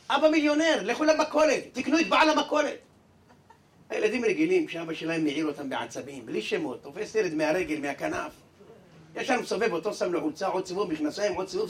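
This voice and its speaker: A stand-up comedian with a high voice tells a long comic story. He talks in an animated way and jumps into character voices. He sounds somewhat distant from the mic. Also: slight background noise.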